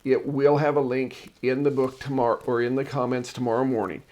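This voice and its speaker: A marketing show's male host, mid-pitched with a darkish tone, gives a casual solo talk packed with personal anecdotes. He's chatty and digressive, though his delivery is flat and a little fast.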